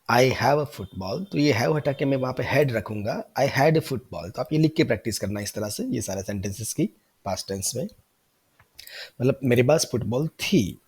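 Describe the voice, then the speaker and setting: A man teaching an English grammar lesson, explaining patiently and repeating example sentences slowly. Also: mid-range voice, a little mellow, breathy edge. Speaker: English tutor.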